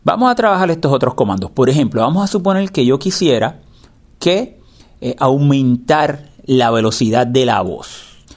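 A man's voice: medium pitch, lively intonation, normal speed. A man instructing in a screen reader tutorial, explaining patiently and repeating the key steps. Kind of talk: spoken step-by-step tutorial.

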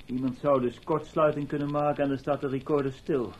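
A man's voice: medium pitch, level tone, a little hiss or hum, natural voice. An actor playing a sarcastic, suspicious male astronaut who needles his crewmate in a radio drama. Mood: wry. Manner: sarcastic, needling, quick swings from hushed to loud.

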